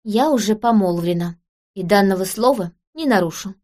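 A woman reading an audiobook, voicing a calm, earnest young woman who speaks in a serious, matter-of-fact way. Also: mid-range voice, moderate pace, natural voice.

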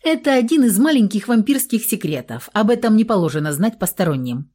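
A cheerful, teasing young vampire, voiced by a woman reading a story jokes in a lively, bouncing voice. The timbre stays soft and mellow. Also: medium pitch, a little fast, breathy edge, pitched above the performer's own voice.

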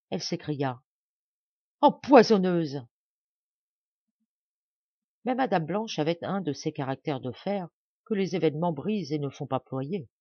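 A woman reading a classic novel aloud as an audiobook narrator, measured and dramatic. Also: deep voice, warm tone, no echo, highs cut off. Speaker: audiobook reader. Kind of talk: scripted narration.

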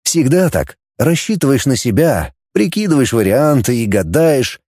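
A man narrating an audiobook in an expressive, lively reading. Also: medium pitch, moderate pace, dry recording, clean studio sound. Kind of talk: scripted narration.

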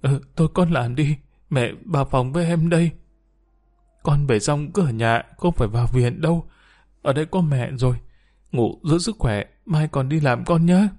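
A man's voice: a little high, normal speed, darkish tone, natural voice. A man voicing an older mother who talks in a tearful, fretful way. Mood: worried. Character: older mother, frantic and weeping over her son.

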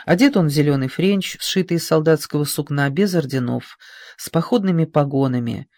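An audiobook narrator reading a war novel in an even, unhurried storytelling manner. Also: medium pitch, no room sound.

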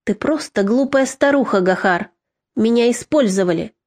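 A woman's voice: on the high side, expressive, moderate pace, darkish tone. A woman reading a harsh snapping mother. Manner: curt, snapping. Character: bitter harsh mother, middle-aged woman.

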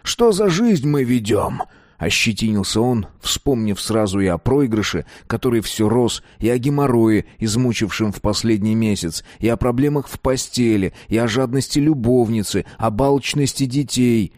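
A man reading a novel aloud in measured, even audiobook narration. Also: fairly low pitch, no echo, clean studio sound.

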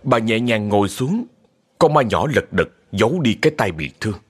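A man narrating a scripted ghost story in a calm, expressive way. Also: lowish voice, normal speed, husky.

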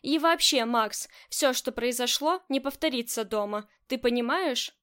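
A cool, commanding lady crime boss with a high, light voice, clipped and self-assured, speaking as an audiobook character voiced by the woman narrating. She never raises her voice and sounds used to being obeyed. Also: unhurried, a bit bright, clean tone. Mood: cold. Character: cold commanding female crime boss, middle-aged.

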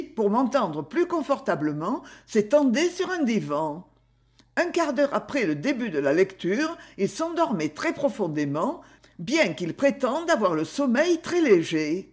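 Frightened young woman, high pleading voice, slow and lively; woman narrator puts her on. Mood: confessing.

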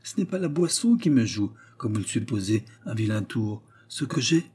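A man voicing a feverish, restless young gentleman who talks in agitated, breathless bursts in an audiobook. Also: on the low side, very animated, moderate pace, husky. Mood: troubled. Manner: agitated, breathless, rambling speech. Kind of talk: audiobook character reading.

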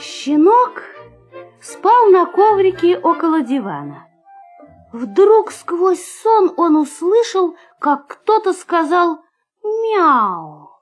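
A woman narrating a children's fairy tale for an audio storybook, slow and expressive. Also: very high voice, soft background music.

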